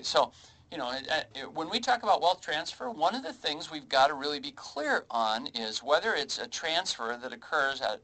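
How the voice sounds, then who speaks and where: A man's voice: a little high, pushed and bright, rough recording. A man hosting a financial radio talk show, speaking casually with many fillers and restarts.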